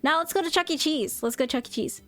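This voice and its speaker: Chatty higher-voiced woman streamer. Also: fast, a bit bright, soft background music. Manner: chatty, rambling, lots of "like" and restarts. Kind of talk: casual chat recounting a convention.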